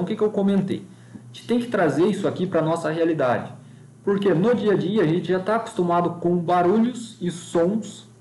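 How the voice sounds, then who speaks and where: A male music teacher with a somewhat high voice walks his students patiently through note values, one step at a time. He chants short rhythm syllables to show the beat. The sound carries a clear echo from the room. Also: darkish tone. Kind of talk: recorded online music lesson. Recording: echoey room.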